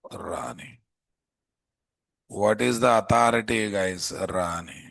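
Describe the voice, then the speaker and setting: A man with a Telugu Indian accent teaching a live software class, informally thinking aloud and repeatedly putting questions to students. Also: on the low side, slow pace, vocal fry, dry recording, clean studio sound. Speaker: programming instructor.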